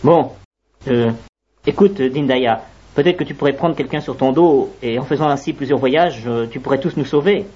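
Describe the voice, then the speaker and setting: Woman playing a husky bossy ant general. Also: a bass voice, normal speed, highs cut off. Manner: commanding, blustering.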